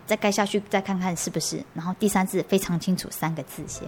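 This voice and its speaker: A young adult woman, an interview guest giving an earnest personal faith testimony, halting and restarting her sentences often. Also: fairly low pitch, fairly even intonation, soft background music.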